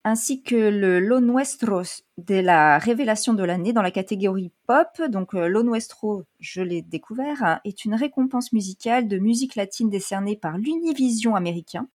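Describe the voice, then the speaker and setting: A woman's voice: mid-range voice, moderate pace, few pauses, a little mellow. Chatty French woman co-host. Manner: chatty, laughs often, many fillers. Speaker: podcast co-host. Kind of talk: casual chat.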